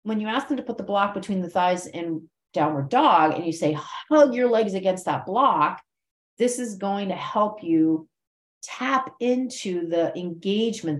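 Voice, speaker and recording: A woman's voice: on the low side, roomy sound. A woman who hosts a podcast and trains yoga teachers, explaining cues in a conversational way and acting out her sample cues with shifting inflection. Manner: conversational, uses vocal inflection to demonstrate cues. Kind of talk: teaching talk.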